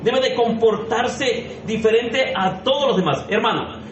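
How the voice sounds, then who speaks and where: A man's voice: very high voice, unhurried, roomy sound, highs cut off, crowd noise. A man preaching a sermon as pastor, emphatic and questioning the congregation directly. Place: church sanctuary.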